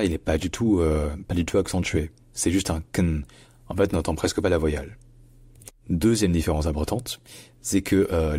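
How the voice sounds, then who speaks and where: A man teaching pronunciation in a lesson, explaining carefully and repeating example words slowly. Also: low-pitched, mellow, husky, dry recording.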